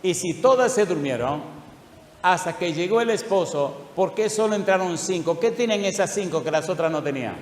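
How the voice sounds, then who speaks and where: A male pastor preaching a sermon, asking the congregation question after question and drawing out scripture readings slowly. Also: high voice, expressive. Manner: asks the congregation repeated questions; slow, drawn-out emphasis on scripture. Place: church hall. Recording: echoey hall, faint room noise.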